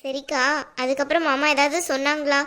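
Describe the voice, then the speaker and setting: A woman voicing a caring younger sibling in a cartoon, asking gentle, concerned questions. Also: high-pitched, level tone, brisk. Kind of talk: cartoon voice acting.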